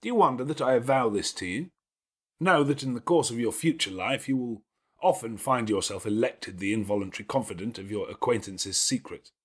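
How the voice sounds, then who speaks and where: In an audiobook of a classic novel, a man voices a brusque, imperious gentleman who reproaches himself, delivering lines emphatically and commandingly. His mid-range voice has lively intonation and a breathy edge, runs a little fast, and sounds earnest and insistent.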